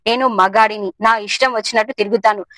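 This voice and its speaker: A woman's voice: mid-range voice, fairly even intonation, brisk, a bit bright, no echo, lightly acted, low-quality recording. A woman voicing a young husband who is cruel and scornful, speaking in a sneering, harsh manner in a storybook reading.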